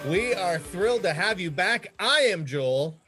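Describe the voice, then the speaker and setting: A man co-hosts a casual podcast in a fairly high voice. He jokes and chats loosely, with many fillers and restarts along the way. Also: animated, a little slow, sharp tone, faint music behind. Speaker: podcast co-host.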